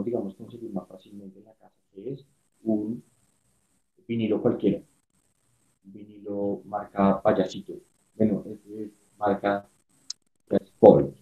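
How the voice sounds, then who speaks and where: Man teaching art, tinny echoey sound. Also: on the low side. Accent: Colombian Spanish. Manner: patient, step-by-step, checks in often. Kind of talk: prerecorded online art class.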